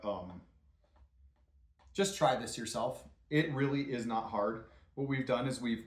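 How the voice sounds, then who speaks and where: A man chats his way through a home cooking demo, relaxed and rambling, with frequent ums and uhs. His voice sits on the low side and rings around a hard, echoey kitchen. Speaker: home cooking channel host. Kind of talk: casual cooking demonstration.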